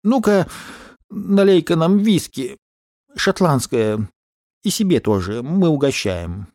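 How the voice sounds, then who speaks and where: Man putting on a high slow swaggering tipsy guy, generous with drinks. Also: sing-song, darkish tone, no room sound, full character voice. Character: boastful tipsy man buying rounds. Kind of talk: audiobook character voice.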